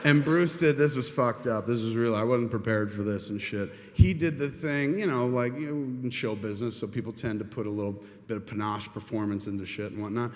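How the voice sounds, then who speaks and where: Man, stage storyteller, profane, rambling, self-mocking, mid pitch, long hall reverb. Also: fairly quick, hardly any pauses, a little hiss or hum. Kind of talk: profane comic anecdote.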